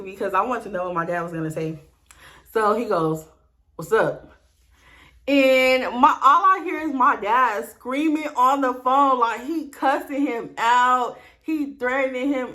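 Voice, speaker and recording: A woman telling a personal story to her viewers in relaxed, slangy speech. She swears freely and acts out what each person said. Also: on the high side. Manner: slangy, profane, acts out dialogue. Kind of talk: casual storytime.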